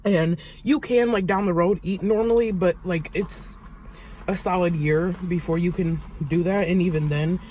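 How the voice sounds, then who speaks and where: Halting, vulnerable young woman vlogging. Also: lowish voice, fairly even intonation, dark tone, slight background noise. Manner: halting, vulnerable, many fillers and restarts. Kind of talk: confessional vlog.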